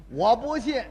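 A man's voice: extremely high pitch, warm tone. A man performing stage crosstalk, playing an indignant passenger who reasons with the conductor. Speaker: crosstalk comedian. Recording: stage recording with long hall reverb.

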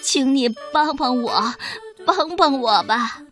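A woman's voice: sits high, expressive, takes it slowly, a bit bright, soft background music, heavily acted. A woman voicing a weepy young calf in a children's storybook, pleading and whimpering. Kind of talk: storybook reading.

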